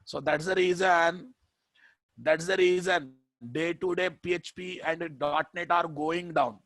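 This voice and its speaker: A male programming instructor speaks with a Telugu Indian accent in a fairly high voice. He lectures in a classroom style, repeating key phrases emphatically and throwing questions at his listeners. The sound is dry, with very little echo. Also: steady tone, measured pace, a bit bright.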